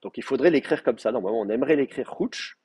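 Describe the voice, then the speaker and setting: A man's voice: medium pitch, lively intonation, fast, darkish tone, breathy edge. A male teacher giving a live class, explaining step by step with many fillers and checking that students follow.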